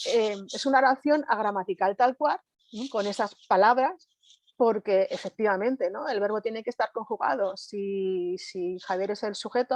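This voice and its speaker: A woman's voice: mid-range voice, a little mellow, no room sound. A woman from Spain giving a live online lecture, talking conversationally and constantly checking in with her audience.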